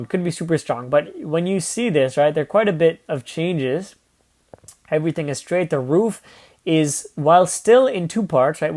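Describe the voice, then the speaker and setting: Casual male reviewer, higher-pitched, rambling and chatty with frequent filler words. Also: a little mellow. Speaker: YouTube host reviewing toy sets.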